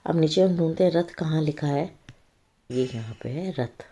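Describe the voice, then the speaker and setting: A woman with a low, mellow voice walks young children through a reading worksheet. She speaks slowly and patiently, naming each word and checking in with the children often. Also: slightly rough. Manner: slow, patient explaining with frequent check-ins. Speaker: teacher.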